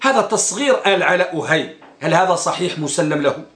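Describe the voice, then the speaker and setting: A man's voice: a little high, expressive, fast, a bit bright, echoey room. A man teaching an Islamic studies class, asking his students questions and answering them himself, and repeating key phrases. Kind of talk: classroom lecture on a hadith text.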